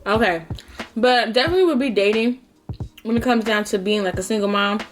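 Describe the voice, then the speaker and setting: A woman's voice: mid-range voice, lively intonation, fast talker, soft background music. A young adult woman with braces chatting casually to camera as a mukbang vlogger, smacking a little as they eat. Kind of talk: casual chat to camera giving advice while eating.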